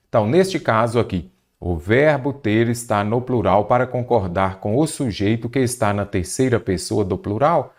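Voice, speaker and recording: A man's voice: lowish voice, a little mellow. A Brazilian man teaching an exam-prep grammar lesson, explaining step by step and asking and answering his own questions. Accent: Brazilian Portuguese.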